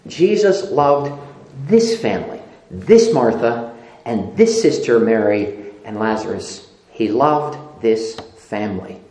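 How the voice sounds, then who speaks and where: A preacher giving a sermon, reading scripture aloud and repeating phrases for emphasis, moving between loud emphasis and soft low asides. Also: lively intonation, slow. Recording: echoey room.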